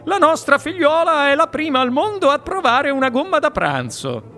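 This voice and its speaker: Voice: sits high, big pitch swings, moderate pace, bright, forceful tone, soft background music, pitched above the performer's own voice, exaggerated voice. A reader voicing a pompous, proud father in an audiobook, puffed-up and encouraging.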